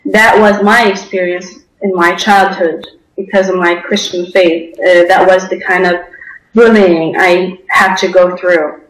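A woman's voice: fairly low pitch, fairly even intonation, unhurried, reverberant, rough recording. A young woman from Denmark answering interview questions over a video call, hesitant with many fillers.

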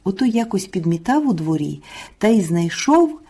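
A woman narrating a children's folk tale in a gentle, slow storybook manner. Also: medium pitch, very animated, slightly rough.

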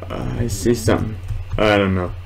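A gamer and video host in his twenties keeps a steady tone in his lowish voice and a moderate pace. He rambles and mutters hesitantly to himself through an easygoing let's play. The recording was made indoors in a small home room and is clearly noisy.

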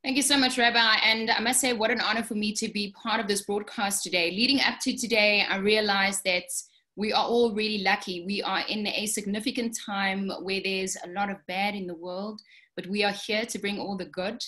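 A woman radio and TV presenter hosting an online interview, chatty and enthusiastic, speeding up when excited. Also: mid-range voice, moderate pace.

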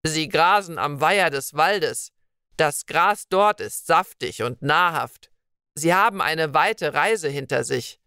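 Woman doing a friendly young knight, courteous and reassuring, lowered voice, old-fashioned storybook speech. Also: lively intonation, slow, bright, forceful tone, smooth, no room sound, studio quality, heavily acted.

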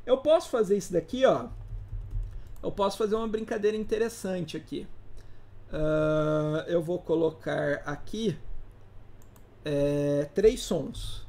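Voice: mid-range voice, slow pace, long pauses, dark tone. An instructor giving a casual live class, informal and slangy, often putting rhetorical questions to the audience. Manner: slangy, playful teaching asides.

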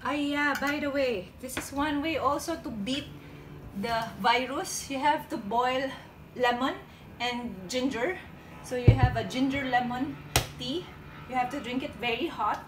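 A woman's voice: high-pitched, a little slow. A middle-aged woman demonstrating a simple recipe in her home kitchen, explaining each step in a chatty way. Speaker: home cooking vlogger. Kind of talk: casual cooking demonstration. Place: small home kitchen, indoors. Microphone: handheld phone camera filming her. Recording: echoey kitchen with clear background noise.

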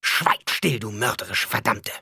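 A man's voice: medium pitch, lively intonation, moderate pace, a bit bright, no room sound, clean studio sound, voice pushed up. A man voicing a stern, proud noblewoman who speaks with icy, commanding scorn. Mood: accusing.

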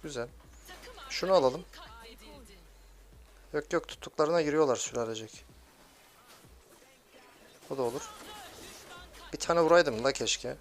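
A young man giving excitable, grumbling commentary while playing a mobile game, swearing at teammates. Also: fairly high pitch, unhurried, long pauses, soft background music. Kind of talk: live gameplay commentary.

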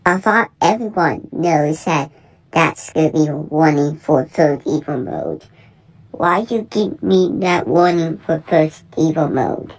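A woman's voice: deep voice, slow pace, husky. A woman narrating a skit and reacting plainly to what happens.

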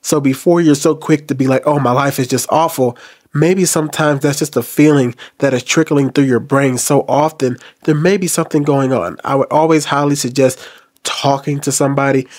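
Sitting in a small, decorated indoor room, a man in his thirties talks earnestly to the camera in a reflective, advice-giving commentary he hosts. A desk mic in front picks up his mid-range, fairly even, slightly fast and a little mellow voice in a dry, clean studio sound.

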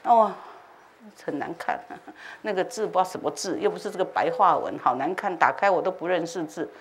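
Animated woman telling a sermon story. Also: on the low side, fairly quick, slight background noise. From China. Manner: animated, acts out dialogue with laughs and sound effects. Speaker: Buddhist master giving a dharma talk. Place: temple hall.

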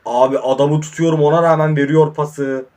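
A man commentating his own mobile football match, muttering in frustration and breaking into sudden excited outbursts, hot and sweating in a warm room. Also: on the high side, a little fast. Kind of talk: casual live gameplay commentary.

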